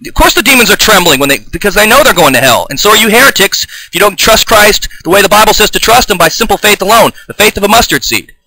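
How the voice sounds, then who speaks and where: A man giving an improvised, combative video sermon, reading scripture aloud, often restarting and clearing his throat. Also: high-pitched, animated, fast talker, hardly any pauses, bright, forceful tone, no room sound, low-quality recording. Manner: fired-up, combative, denouncing opponents. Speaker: self-taught online preacher.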